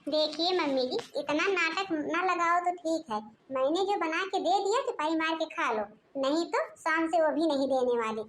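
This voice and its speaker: A sharp-tongued young cartoon daughter-in-law, voiced by a woman, snapping back rudely and sarcastically. Her voice sits high and impatient, with a scolding bite. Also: normal speed, hardly any pauses, slight background noise. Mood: snappy. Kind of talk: cartoon voice acting.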